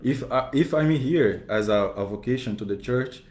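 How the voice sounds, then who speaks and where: A man's voice: medium pitch, moderate pace, a little mellow. A man in his twenties with a Brazilian Portuguese accent, a seminarian guest speaking careful, hesitant, polite English. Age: 20s. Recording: echoey parish room.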